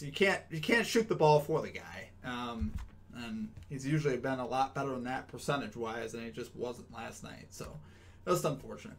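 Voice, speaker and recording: A man's voice: medium pitch, a bit bright. A young man hosting a sports betting show, talking through his picks in a loose, chatty way with plenty of ums and restarts. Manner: chatty, many ums and restarts, upbeat sign-offs. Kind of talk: casual sports betting breakdown.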